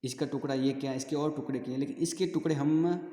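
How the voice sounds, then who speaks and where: A man's voice: medium pitch, steady tone, fairly quick, dark tone, roomy sound, in a large hall. A man teaching a grammar lesson to young children, patiently explaining and asking questions that he then answers himself.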